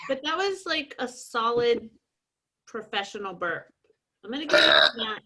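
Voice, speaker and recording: Bright-voiced woman hosting playful banter. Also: fairly high pitch, wildly swooping pitch, measured pace, rough recording. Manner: playful, crude humor. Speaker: host judging a contest. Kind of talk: casual joking banter with scoring.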